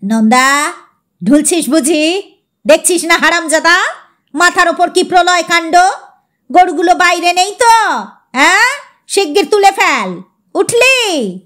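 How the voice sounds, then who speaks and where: A woman voicing a gruff, short-tempered old village landlord who barks orders. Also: high voice, sing-song, slow, voice pushed down, full character voice. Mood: barking orders.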